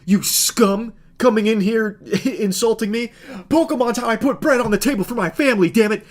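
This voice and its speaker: Brief: man doing a raised-pitch, self-righteous card seller who yells at buyers, mocking send-up. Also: moderate pace. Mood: indignant. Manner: shouty mocking impression.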